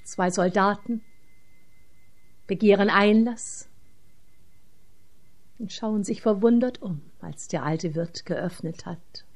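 Slow, whispering woman storyteller. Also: mid-range voice. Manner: slow reading, often sinking to an unvoiced whisper. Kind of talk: read-aloud religious story narration.

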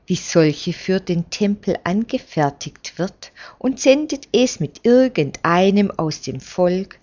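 A shrewd old priest hands out knowing advice, as a woman reading a story puts him on. His voice is a touch higher than her narration. The recording is dull and lo-fi. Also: darkish tone. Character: shrewd older male teacher-priest, sly.

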